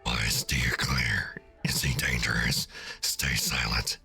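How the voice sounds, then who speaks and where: A man playing a video game who reads the game's lines aloud through a deep, layered demonic voice filter, as a menacing demon. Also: flat delivery, slow pace, pushed and bright, soft background music, heavily acted. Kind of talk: casual let's-play commentary reading dialogue options.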